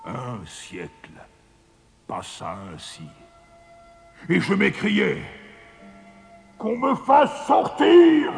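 A man voicing a huge, vengeful male genie who roars his threats in a gravelly voice. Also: long reverb tail, heavily acted. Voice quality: booming, gravelly.

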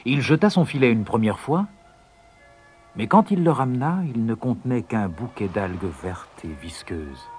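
A man's voice: medium pitch, expressive, normal speed, darkish tone, slight background noise. A man narrating a fairy tale in a scripted, suspense-building storybook reading.

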